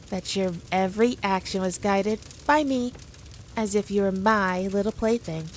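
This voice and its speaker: Playing a haughty demon queen for an ASMR roleplay, a woman speaks to the listener in a natural, mid-pitched voice, smug and dominant as she teases with playful condescension. The mood is mocking and playful, set against noticeable background ambience and slight background noise.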